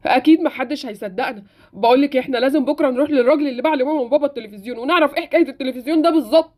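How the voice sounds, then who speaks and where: A woman plays a headstrong boy in a Roblox story drama, with an Egyptian accent. He rattles his lines off very fast and keeps pressing his point. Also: sits high, darkish tone, close to an everyday voice. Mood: urgent. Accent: Egyptian Arabic. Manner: fast, insistent pleading. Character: stubborn boy hero, warning everyone.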